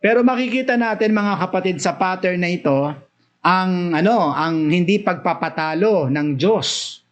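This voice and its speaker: A man's voice: high voice, unhurried, muffled recording. A man with a Filipino accent preaching a Bible study sermon, switching between Tagalog and English, reading verses aloud and then explaining them with rising, emphatic bursts.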